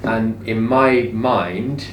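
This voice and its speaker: Low-voiced man in an echoey room. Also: extremely slow. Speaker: co-host, business owner. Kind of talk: casual conversational explanation. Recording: echoey room, distant mic, background noise.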